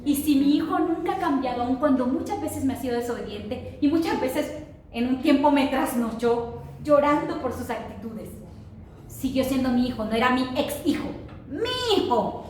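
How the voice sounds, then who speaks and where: A woman's voice: high voice, animated, moderate pace, darkish tone, a little hiss or hum. A woman preaching a sermon with call-and-response, emphatically asking the congregation to repeat her words. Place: church hall. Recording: very echoey hall, voice from far off. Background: congregation answering.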